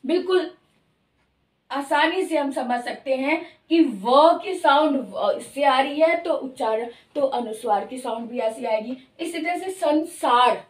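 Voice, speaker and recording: A woman teaching Hindi grammar, explaining slowly and drawing out each sound she demonstrates. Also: high-pitched, roomy sound, recorded from a distance. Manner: slow, careful, drawn-out demonstration of sounds. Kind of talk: explanatory lesson.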